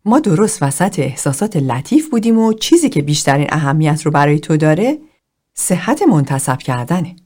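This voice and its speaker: A woman voices a furious, sharp-tongued woman from a read-aloud novel. Every line is cutting and sarcastic. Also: sits low, big pitch swings.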